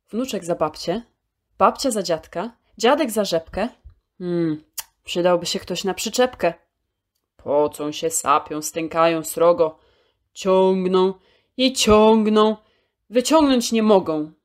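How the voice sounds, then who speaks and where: A female storyteller performs a children's poem in a mid-range voice, lingering on key words and delivering it with theatrical expressiveness.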